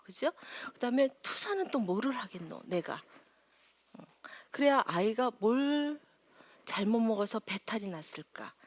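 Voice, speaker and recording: A woman giving a lively parenting lecture, acting out quotes in high voices and dropping to near whispers for emphasis. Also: dry recording. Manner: animated, acts out quotes in high voices, laughs often. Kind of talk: lively lecture to a live audience.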